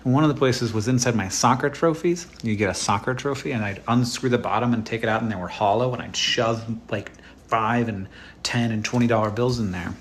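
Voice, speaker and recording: A young adult man telling a story in a casual, deadpan way, swearing freely. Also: mid-range voice, fairly quick, a little hiss or hum. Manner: deadpan and profane.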